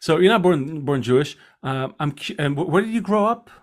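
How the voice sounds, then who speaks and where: A man's voice: on the high side, expressive, brisk. Hesitant male talk show host. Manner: hesitant, full of fillers and restarts. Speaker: podcast host. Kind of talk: hosting a talk show interview.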